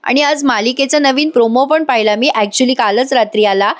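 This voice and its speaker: A woman's voice: high voice, normal speed. A woman giving a chatty voice-over recap of a TV serial episode, talking straight to her viewers. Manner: chatty, addresses viewers directly. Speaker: serial reviewer.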